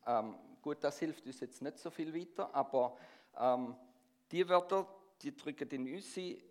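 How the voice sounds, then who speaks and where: A middle-aged man from near Stuttgart gives a sermon in a slightly high, slightly mellow voice at a somewhat slow pace. His Swabian accent shows a Swiss German influence, and he engages the congregation by posing questions.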